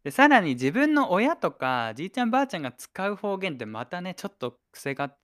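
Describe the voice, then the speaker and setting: A man's voice: sits high, sing-song, brisk, a bit bright, clear, resonant tone. A man with an Oita accent co-hosting a podcast, chatting in an easygoing, giggly way. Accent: Oita Japanese. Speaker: podcast co-host. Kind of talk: casual chat.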